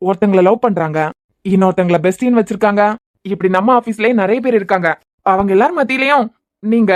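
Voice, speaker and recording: A woman's voice: mid-range voice, darkish tone, dry recording, clean studio sound, close to an everyday voice. A woman voicing a hesitant young man. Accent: Kanyakumari Tamil. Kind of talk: cartoon web-series voice acting.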